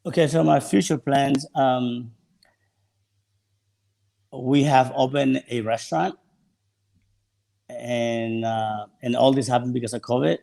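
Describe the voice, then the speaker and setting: Male sommelier guest, gravelly mid-pitched voice, relaxed and unhurried, often feeling for the next word. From El Salvador. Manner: relaxed, searching for words. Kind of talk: casual interview chat.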